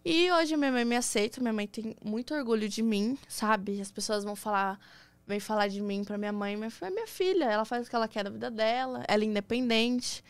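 A young Brazilian woman with a somewhat high voice tells her own story as a podcast guest. She acts out the quoted lines of the conversation she describes, and the recording is close and dry. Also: brisk, clean tone, dry recording. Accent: Brazilian Portuguese. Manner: lively storyteller acting out quoted dialogue. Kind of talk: casual storytelling interview.

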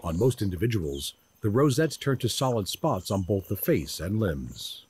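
A man reading scripted nature documentary narration in a measured, descriptive manner, as the narrator of a wildlife film. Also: lowish voice, very animated, a little mellow, a little hiss or hum. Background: music.

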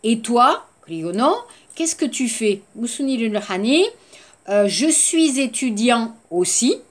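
A woman teaches a beginner French class at an unhurried pace, repeating each word and slipping in short Korean translations. Her voice sits a little high for a woman. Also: animated. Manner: slow, repeats words, mixes in Korean glosses. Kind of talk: language lesson for Korean learners.

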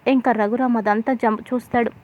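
A woman's voice: on the high side, brisk. A woman hosting a channel, telling an episode of a TV serial as a story. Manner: lively, reads character lines in turn. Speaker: channel host recapping a TV serial. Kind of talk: storytelling recap narration. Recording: tinny phone-like sound.

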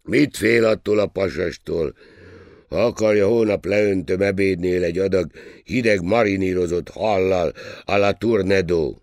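An older man voicing a tough, sleepy young sailor-waiter who talks loud, blunt and drawling. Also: deep voice, no echo, studio quality, voice pushed up. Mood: brash.

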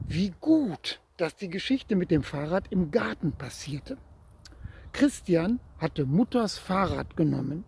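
A man reading a children's story aloud in a gentle way, speaking straight to the child listening, with a husky voice. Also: high-pitched, big pitch swings, a little slow, slight background noise.

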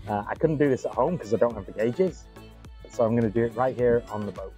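Mellow-voiced man talking on a sailboat. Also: medium pitch, fast talker, muffled recording, faint music behind. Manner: relaxed, chatty, self-correcting. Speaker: boat owner presenter. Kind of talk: casual on-board explanation. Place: sailboat cockpit, outdoors.

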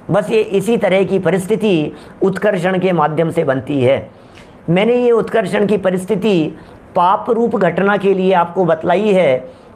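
High-voiced man giving a sermon. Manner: storytelling with everyday examples, asks rhetorical questions. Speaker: religious preacher. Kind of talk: Hindi religious discourse.

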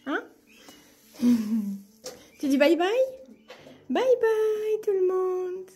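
Woman pet owner, high and slow-spoken, gentle cooing baby talk, phone mic, faint music behind. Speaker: pet owner filming her pets. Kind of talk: casual vlog, talking to her pets. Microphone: phone held in hand.

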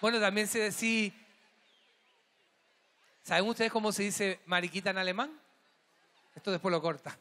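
A gala host works the audience with camp jokes and teasing in live stage banter. His very high-pitched voice is bright and forceful, echoing through a large hall amid crowd noise.

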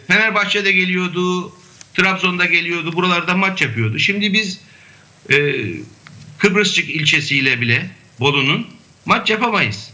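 A man speaking as an academic guest on a remote panel discussion, measured and hesitant, with frequent fillers. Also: fairly high pitch, pushed and bright.

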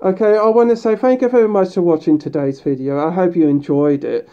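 A dark-toned, medium-pitched voice comes through a mascot head at a slightly quick clip. The fursuit video creator rambles happily in casual vlog fashion, restarting often and leaning on fillers, and the lo-fi audio sounds muffled.

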